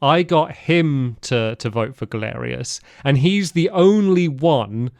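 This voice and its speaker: A man co-hosting a podcast, chatting casually about a game in rambling, animated stories full of fillers. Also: medium pitch, slow, vocal fry, dry recording. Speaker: podcast co-host.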